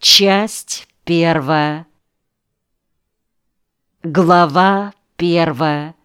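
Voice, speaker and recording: A woman reads an audiobook aloud, taking her time over each phrase and pausing between them. Her voice sits a little low and sounds clean and even. The delivery stays calm and measured throughout. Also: smooth. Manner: unhurried, measured reading with pauses between phrases. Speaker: audiobook reader. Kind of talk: audiobook narration.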